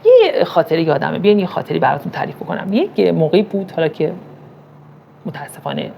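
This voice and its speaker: A woman's voice: on the low side, sing-song, vocal fry, warm tone, slight background noise. A middle-aged woman from Iran giving a motivational talk on parenting, asking rhetorical questions and telling stories with emphasis.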